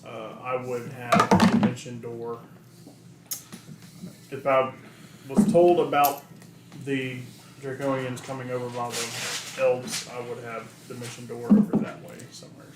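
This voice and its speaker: A player with a mid-pitched voice, speaking plainly at a game table. The room is echoey, with clear background noise. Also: level tone, measured pace. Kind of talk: casual chat at a game table.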